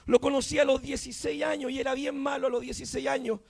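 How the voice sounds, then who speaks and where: A man, giving a fervent Pentecostal testimony sermon with impassioned shouting and repeated refrains. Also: very high voice, little pitch movement, quick pace, vocal fry. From Chile. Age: 30s. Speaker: preacher.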